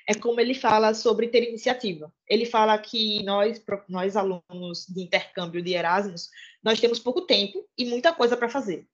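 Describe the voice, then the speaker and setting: A young woman studying law chats informally with fellow students, earnest and talkative, filling her speech with fillers and self-corrections. Her voice is a little high, and the sound is lo-fi.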